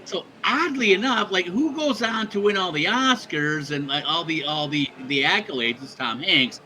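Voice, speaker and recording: A man's voice: a little high, moderate pace, bright, forceful tone, slight background noise, low-quality recording. A man hosting a radio show, chatting casually and introducing songs, rambling with lots of fillers and swearing, and he has the hiccups.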